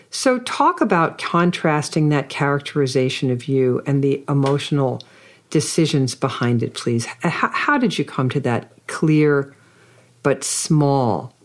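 A woman hosting an author interview, reading a prepared introduction and then asking effusive, admiring questions. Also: extremely low pitch. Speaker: podcast host interviewing an author.

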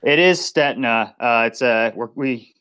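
A man's voice: mid-range voice, moderate pace, fairly bright tone. Easygoing male cyclist guest. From Colorado, United States. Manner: easygoing, conversational, with fillers. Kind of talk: casual interview chat.

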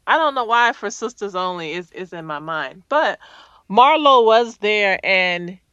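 A woman's voice: medium pitch, expressive, a little slow, pushed and bright, smooth, dry recording, muffled recording. A woman co-hosting a casual chat, asking questions and laughing easily. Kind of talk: casual chat about a reality show.

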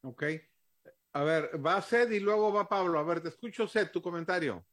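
A man moderating a Bible study panel, briskly handing the turn to each speaker. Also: high-pitched, fairly bright tone.

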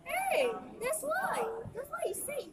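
Very high-pitched woman, animated. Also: slow pace, heavy background noise. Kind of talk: casual excited chat.

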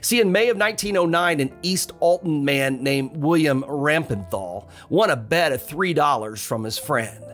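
Male podcast storyteller, slightly higher voice, dramatic ghost-tale delivery with dry humor, soft music underneath. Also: lively intonation, normal speed, few pauses. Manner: dramatic storytelling with wry, chuckling asides. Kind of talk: scripted ghost-story narration.

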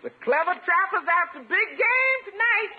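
A woman's voice: very high-pitched, animated, moderate pace, slight background noise. A woman playing a sassy, gossipy household woman in a 1950s radio comedy, with droll, folksy delivery. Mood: droll, teasing. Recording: narrow-band old radio recording, faint music.

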